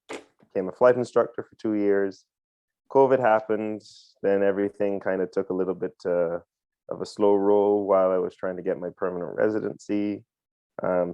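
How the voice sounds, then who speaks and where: A low-pitched man with vocal fry and a dark tone, recorded dry with no room sound. He's a pilot from Barbados appearing as a podcast guest, telling his story in chatty, casual interview answers full of ums and uhs. The audio is dull and lo-fi.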